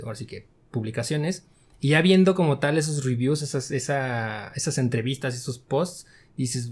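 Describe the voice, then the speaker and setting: A man with a Mexican Spanish accent, a game developer talking casually and laughing easily in an interview. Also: mid-range voice. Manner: relaxed, chatty, frequent fillers and laughs.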